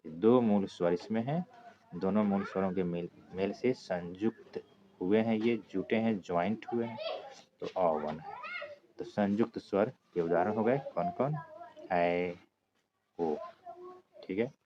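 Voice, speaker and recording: A man's voice: low voice, a little slow, long pauses. A male teacher giving a step-by-step grammar lesson for exam students, often checking in with "okay?" as he goes. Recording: dull lo-fi sound with clear background noise.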